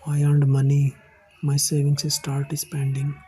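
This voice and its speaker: A man from India with an Indian English accent, telling his own life story to his viewers in a halting, earnest way. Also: on the high side, monotone, mellow, slight background noise, rough recording. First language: Hindi. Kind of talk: personal storytelling to camera.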